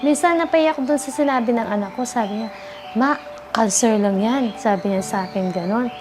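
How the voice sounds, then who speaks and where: A woman giving a soft-spoken, earnest testimonial interview, politely answering an interviewer. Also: fairly high pitch, normal speed. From Philippines. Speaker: interviewee, cancer survivor. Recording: music bed underneath.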